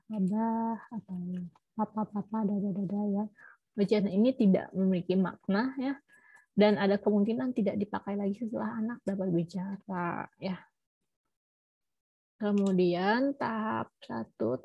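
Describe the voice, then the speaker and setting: A woman's voice: medium pitch, gravelly, slightly rough, no room sound. A woman teaching a class on child language development, explaining step by step and often checking in with "ya" and correcting herself mid-phrase. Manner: explanatory, frequent tag "ya", self-corrections. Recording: muffled lo-fi recording.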